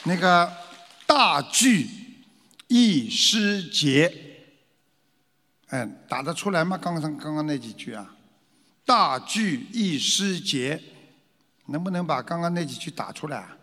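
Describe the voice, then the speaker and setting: A man lectures followers with lively, swooping intonation, often acting out frightened voices and firing rhetorical questions at the room. His voice sits high for a man and carries a gravelly edge. It rings with a long hall reverb. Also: takes it slowly, long pauses. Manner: animated, acts out scared voices and rhetorical questions.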